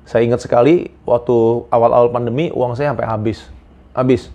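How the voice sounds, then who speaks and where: A male pastor preaching a sermon, telling personal stories with big swings between loud emphasis and quiet asides. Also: medium pitch, fairly even intonation, fairly quick, highs cut off. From Indonesia.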